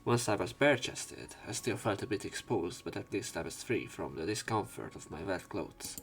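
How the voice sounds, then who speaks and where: His low voice is animated and carries vocal fry, delivered at normal speed. He's a let's player reading a visual novel aloud dramatically, acting out the dialogue expressively.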